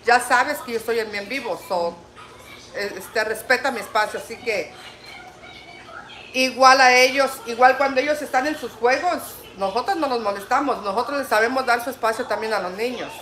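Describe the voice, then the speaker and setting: Firm-talking grandmother with a bright voice. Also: fairly high pitch, normal speed, a little hiss or hum. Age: older. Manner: firm, lecturing tone. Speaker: livestream host, grandmother. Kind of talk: casual livestream chat.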